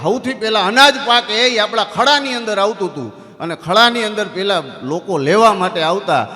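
A man with a Saurashtra Gujarati accent telling comic stories on stage before a live audience. He is animated and jumps into other people's voices. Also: a little high. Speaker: comedian and storyteller. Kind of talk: live folk-stage comedy storytelling. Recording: live hall with long reverb and faint music.

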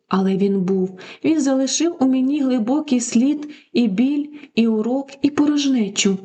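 A woman narrating a first-person life story in a slow, sorrowful, intimate way. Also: a little high, warm tone.

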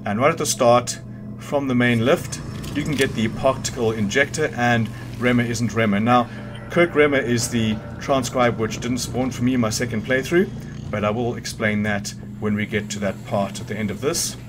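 A gamer hosts a video game guide in a steady, mid-range voice at normal speed, keeping the commentary casual while he thinks aloud and corrects himself. There's background noise along with game music and sounds.

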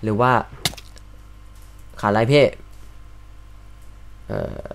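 A young man casually commenting while he plays a block-building game, chatty and joking, with loud exclamations. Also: extremely slow, slight background noise. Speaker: gaming video host.

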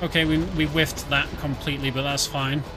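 This somewhat high, level voice moves a little fast as the man narrates his gameplay live. He's a streamer and speedrunner, keeping it casual and explaining as he plays, with game music and vehicle noises in the background.

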